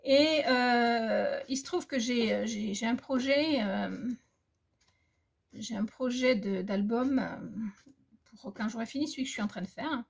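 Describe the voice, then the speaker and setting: Gravelly, husky woman chatting. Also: fairly high pitch, a little slow. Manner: hesitant, many fillers and restarts. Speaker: crafting vlogger. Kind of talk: casual haul chat. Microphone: phone.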